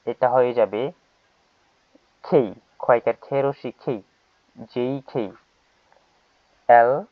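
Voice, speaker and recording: A man teaching a casual lesson on letter sounds, who explains slowly and repeats each sound several times. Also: mid-range voice, no echo. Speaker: English teacher. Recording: tinny phone-like sound.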